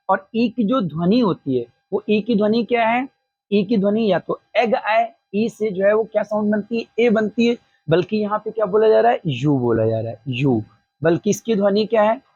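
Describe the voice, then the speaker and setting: A husky, breathy teacher walks through a grammar lesson, posing a question and then answering it, and sometimes dropping in short English phrases. The voice is close and dry, with a slightly dull, lo-fi sound. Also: medium pitch, darkish tone, no room sound. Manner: repeats key phrases slowly.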